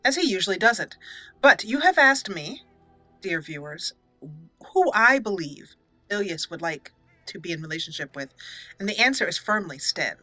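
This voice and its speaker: This woman hosting a roleplay let's play on YouTube is very animated, bright and forceful, talking at normal speed in a medium pitch. Her casual, giggly commentary sits over game music in a dry, rough recording.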